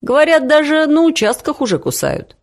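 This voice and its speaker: A deadpan joker from a storybook reading, voiced by a woman. He delivers grim jokes in a straight, serious tone. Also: high voice, a little fast, voice pushed up. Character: deadpan joking man, dry gloomy humor.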